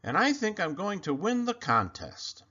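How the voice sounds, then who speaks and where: A man's voice: sits high, wildly swooping pitch, normal speed, pushed and bright, husky, lo-fi sound, voice pushed up, full character voice. A man voicing a proud, eager young male mouse in a children's storybook, speaking emphatically. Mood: proud, excited.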